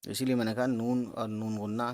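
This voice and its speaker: A man teaching reading, sounding out each letter and syllable slowly and patiently, with English words mixed in. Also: medium pitch, flat delivery, a little mellow. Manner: mixes English words into explanations. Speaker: Urdu teacher.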